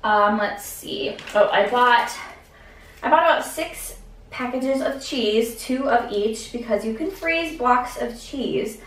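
Speaking slowly in a voice on the high side, a young adult woman chats casually through her groceries for a vlog, thinking aloud with fillers. The camera sits a few steps away in her home kitchen, so she sounds distant and echoey.

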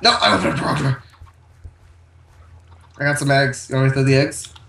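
A man's voice: mid-range voice, unhurried, vocal fry, fairly bright tone, distant mic. A young man joking around and groaning dramatically in casual chat while playing a game. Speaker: gamer. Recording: echoey room mic from afar, faint hiss.

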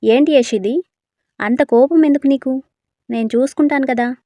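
A woman voicing a calm, loyal male friend who explains and reassures. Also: high voice, normal speed, no echo. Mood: soothing.

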